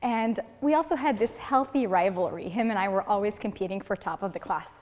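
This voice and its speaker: In the meeting room of a speaking club, where the sound echoes like a hall, a Moroccan woman in her 30s presents a comic prepared speech. She speaks a little fast in a mid-range voice. She animates her anecdotes by voicing the people she quotes.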